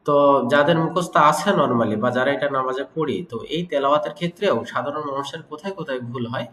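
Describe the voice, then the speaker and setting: A man from Bangladesh teaching Quran recitation, correcting mistakes and slowly drawing out each syllable as he demonstrates. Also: a little high, a bit bright, a little hiss or hum. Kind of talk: tajweed lesson with recitation demos. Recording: echoey room.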